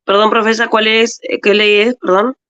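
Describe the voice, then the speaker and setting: A woman's voice: mid-range voice, level tone, moderate pace, fairly bright tone, muffled recording. A woman student who asks questions in class in a polite, tentative way.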